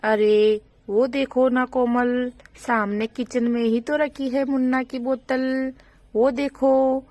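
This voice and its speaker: A bossy older sister-in-law nags and scolds loudly in a doll storybook. Her voice is fairly high, and she speaks slowly and deliberately, a woman putting her on. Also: level tone, dry recording. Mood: pointing out. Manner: loud, scolding and nagging.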